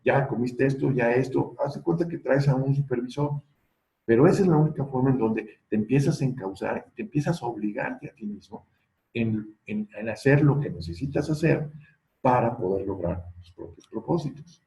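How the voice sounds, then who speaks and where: A man gives a motivational talk in a gravelly, warm voice. He coaches earnestly and slips into lively quoted voices, and the recording carries the echo of a room. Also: medium pitch, moderate pace. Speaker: speaker on personal growth.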